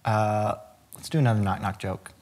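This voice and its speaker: Low-voiced man telling folksy jokes. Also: steady tone, normal speed, darkish tone. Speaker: contestant in a joke-telling challenge. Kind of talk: telling clean jokes in casual back-and-forth. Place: indoor studio set.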